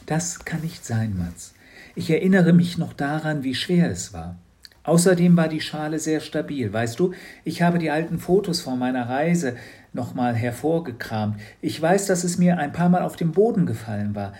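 A man's voice: a little high, animated, moderate pace, pitched above the performer's own voice, lightly acted. Man doing a kindly, dreamy older shopkeeper woman. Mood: gentle. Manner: gentle, musing.

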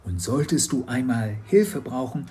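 A kind older shopkeeper woman from a storybook, gentle and musing, who speaks of magic with quiet wonder, as a male narrator puts her on. Her voice is lifted and soft-edged. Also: mid-range voice, animated, unhurried, natural voice.

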